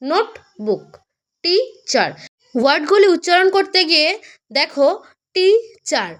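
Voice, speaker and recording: Woman teacher, high voice, talks right to you, slows way down on example words. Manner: slow, syllable-by-syllable example words; addresses the viewer directly. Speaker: English teacher. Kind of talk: explanatory lesson narration.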